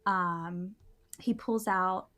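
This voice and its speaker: A woman co-hosting a podcast, recounting something that happened to her. She talks casually and earnestly at a middle pitch, with lots of "like" and "um" and frequent restarts. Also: very slow. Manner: earnest, animated, many fillers and restarts. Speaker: podcast co-host. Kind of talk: casual storytelling.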